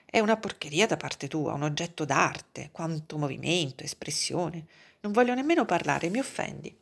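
A flustered middle-aged doctor protests and insists, voiced by a woman reading aloud. His tone is low and gravelly, with a husky edge. It is a storybook reading. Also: animated, moderate pace, exaggerated voice. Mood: insistent.

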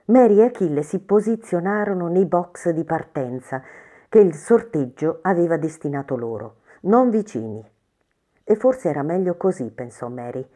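Low-voiced woman narrating a story. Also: mellow.

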